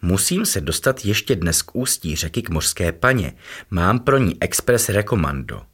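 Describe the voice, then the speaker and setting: A man's voice: sits low, very animated, a bit bright, husky, full character voice. A man doing a courteous hedgehog postman. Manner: dignified, courteous. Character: polite male hedgehog postman in a hurry.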